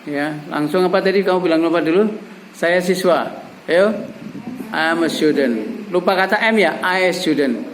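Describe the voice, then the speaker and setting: A man's voice: fairly high pitch, normal speed, a little hiss or hum, poor audio. A middle-aged man teaching an English class, coaxing his students with repeated examples and prompting questions. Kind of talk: classroom language lesson.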